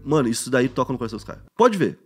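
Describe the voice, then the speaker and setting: A man co-hosting a podcast in casual chat, slangy and animated, often acting out other people's voices. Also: mid-range voice, very fast, slightly rough, soft background music. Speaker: podcast co-host.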